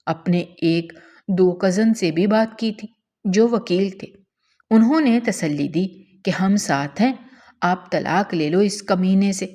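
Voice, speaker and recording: A woman's voice: mid-range voice, mellow. A woman telling an emotional first-person story about her own household, in a dramatic, tearful way. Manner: dramatic, tearful delivery of a domestic tale.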